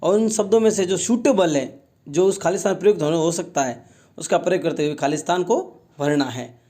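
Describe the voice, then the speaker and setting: A man with an Indian accent teaching a school English lesson, reading English lines slowly and explaining them in Hindi, often asking and answering his own questions. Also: fairly high pitch, mellow. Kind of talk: bilingual classroom lesson, explaining and translating.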